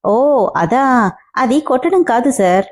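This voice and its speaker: A woman's voice: on the high side, sing-song, a little mellow, exaggerated voice. A woman doing a cheeky, defiant young heroine. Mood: defiant mocking. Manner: cheeky, mocking, drawn-out. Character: defiant sharp-tongued young woman employee.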